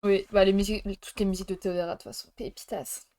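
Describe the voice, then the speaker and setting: A woman's voice: medium pitch, flat delivery, rapid-fire, warm tone. A young woman live-streaming from France, chatting casually with viewers and laughing while she jokes in mock Spanish.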